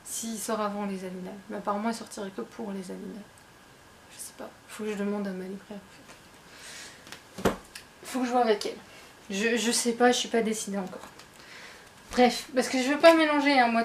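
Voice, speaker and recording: A woman's voice: mid-range voice, steady tone, fairly quick, long pauses, slight background noise. Chatty woman book vlogger, self-mocking. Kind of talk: casual chat.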